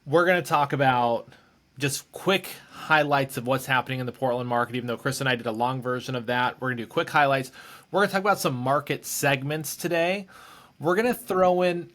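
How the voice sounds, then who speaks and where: A man at a middle pitch hosts a casual podcast conversation. He jokes lightly, then walks through market statistics in a steady, plain way. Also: a little fast. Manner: joking, relaxed, runs through figures. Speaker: podcast host. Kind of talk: casual real estate podcast chat.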